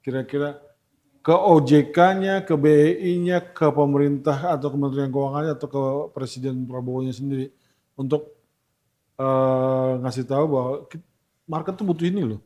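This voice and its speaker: Host guy, warm mellow voice, lots of yeah yeah and uh while he asks stuff. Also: medium pitch, fairly even intonation. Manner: agreeable, many affirmations and filler pauses. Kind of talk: casual podcast chat.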